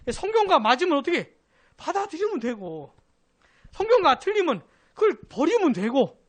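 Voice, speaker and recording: Male pastor teaching doctrine, animated pitch, call-and-answer questions to the congregation. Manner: asks the congregation questions, then answers them himself. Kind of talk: Sunday doctrine class teaching.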